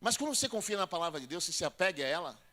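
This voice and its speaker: A man preaching a sermon as a pastor with a Bahian Brazilian accent, emphatic and direct, acting out doubters in a higher voice. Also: big pitch swings, rapid-fire, bright, forceful tone. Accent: Brazilian Portuguese, Bahian. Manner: emphatic, calls listeners "querido" and "irmão", acts out doubters in a high voice.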